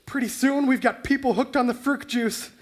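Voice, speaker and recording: A woman's voice: high-pitched, normal speed, lightly acted. A woman acting a nervous suspect rambling through a confession in a comedy radio play.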